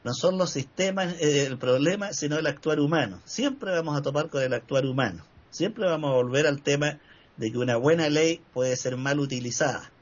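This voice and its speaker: Chilean man, panel speaker, measured storyteller, dull lo-fi sound. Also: on the high side. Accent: Chilean Spanish. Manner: measured, digressive, wry asides. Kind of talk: reflective discussion talk with storytelling. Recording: dull lo-fi recording.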